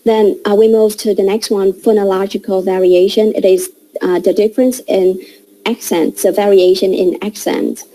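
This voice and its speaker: A young woman giving a classroom presentation, explaining in a halting way with pauses. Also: mid-range voice, fairly even intonation, dark tone, low-quality recording. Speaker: student presenter.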